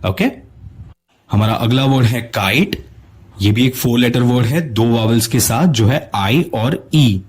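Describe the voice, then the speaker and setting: A man teaching English pronunciation to viewers in a recorded lesson, slowly sounding out each word and encouraging them to keep practicing. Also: medium pitch, darkish tone, slightly rough. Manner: encouraging, addresses viewers directly.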